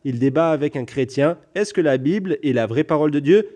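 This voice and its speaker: A man's voice: on the high side, expressive, fairly quick, warm tone. A man telling a personal story in an interview, acting out the people he quotes. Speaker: interview guest.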